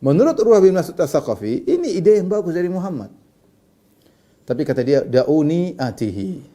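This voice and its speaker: Male preacher, religious lecture, slightly high voice, warm mellow tone, casual animated explaining. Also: brisk. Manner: recites Arabic then explains in casual Indonesian; animated storytelling. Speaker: Islamic preacher.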